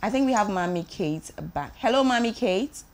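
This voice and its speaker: A woman hosting a talk show, speaking in a reflective, measured way. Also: mid-range voice, expressive. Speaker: radio host.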